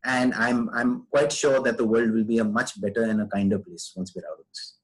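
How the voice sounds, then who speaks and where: A man's voice: lowish voice, steady tone, brisk, rough recording. A man speaking as a podcast guest, giving earnest, conversational advice and repeating phrases for emphasis.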